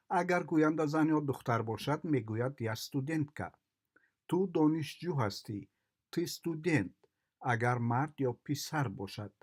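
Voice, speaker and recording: A male language teacher works through words and simple sentences one at a time. His delivery is slow and methodical, and he repeats each pattern in the same steady way. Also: medium pitch. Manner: deliberate, repeats phrases in patterns. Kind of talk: slow drilling of vocabulary.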